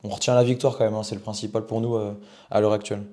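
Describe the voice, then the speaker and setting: A young French man with a low, mellow voice. He co-hosts a live football chat stream, chatting loosely and trailing off into fillers. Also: little pitch movement, quick pace. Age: young adult. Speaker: co-host.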